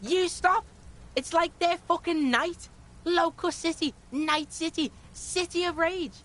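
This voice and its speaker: A woman's voice: extremely high pitch, a little slow, fairly bright tone. A woman voicing a foul-mouthed, aggressive young boy in a video game, crude and rambling. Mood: brash.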